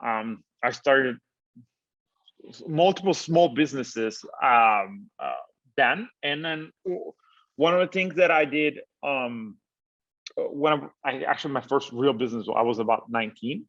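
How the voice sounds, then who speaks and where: A man from Italy, founder and interview guest, answers in a halting way, full of fillers and repeated words. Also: mid-range voice, fairly bright tone. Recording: slightly dull, lo-fi audio.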